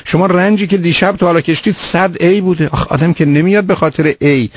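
A man's voice: high voice, steady tone, breathy edge, dry recording. Male radio advice host, emphatic and dry. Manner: emphatic, counseling, repeatedly says "dear". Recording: dull lo-fi radio audio.

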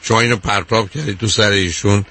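A man's voice: lowish voice, steady tone, over a noisy crowd. A man hosting a call-in advice show as a psychologist, asking callers blunt, probing questions. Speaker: psychologist radio host.

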